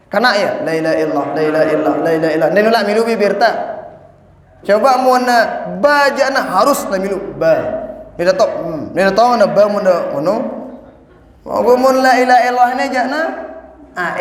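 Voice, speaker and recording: A man preaching an animated sermon, speaking straight to his congregation and chanting lines of the creed. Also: high voice. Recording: echoey hall.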